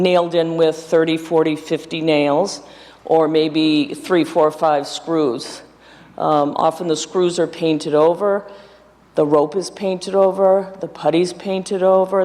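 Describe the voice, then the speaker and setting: A window restoration instructor leads a hands-on workshop before an audience in an indoor room, explaining each part step by step as he handles tools and tossing in chatty, self-deprecating asides. His mid-range voice has a darkish tone, and a long reverb tail follows his words.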